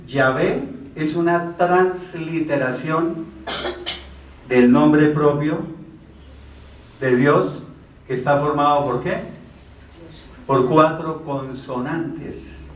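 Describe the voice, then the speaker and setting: Slow-spoken man preaching in a roomy hall. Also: a little high. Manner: poses rhetorical questions and answers them himself; explains verses step by step, rephrasing. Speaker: preacher teaching a Bible class. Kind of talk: Bible teaching sermon. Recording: roomy, from a distance.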